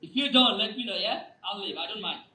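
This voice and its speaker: Male speaking coach, very high and sharp voice, fires questions at a crowd, echoey hall, distant mic. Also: drawn-out words, noisy background. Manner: energetic, keeps quizzing the audience for replies. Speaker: public speaking trainer. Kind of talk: live motivational workshop. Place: hall with a live audience.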